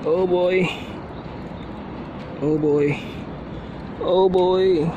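Outdoors on a tiled home balcony, a man vlogs casually, narrating a task to himself in short mutters and exclamations. His voice sits high with fairly even intonation and drawn-out words, and the recording has its highs cut off, with clear ambient noise and passing vehicles.

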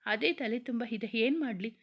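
A woman's voice: a little high, normal speed. A woman voicing a moody, guilt-ridden young college man who speaks in a sullen, withdrawn way. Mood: troubled. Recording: dull lo-fi recording.

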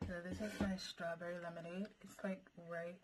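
A woman's voice: on the low side, little pitch movement, moderate pace. A young woman chatting casually to her viewers in a food-challenge vlog, calling them y'all. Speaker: vlogger. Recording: noisy home recording.

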